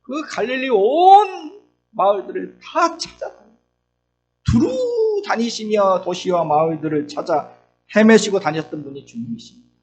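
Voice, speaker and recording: A middle-aged man preaching an earnest sermon as pastor, swinging between loud urgent lines and soft low asides. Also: sing-song, unhurried, rough recording. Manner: acts out tender and scolding voices when quoting.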